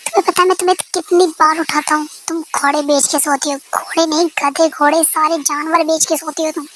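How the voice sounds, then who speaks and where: A woman's voice: high voice, level tone, fairly quick, fairly bright tone, slight background noise. Woman voicing a stern young male professor. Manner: stern, scolding. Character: strict young male professor, scolding husband. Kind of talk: amateur fan dub.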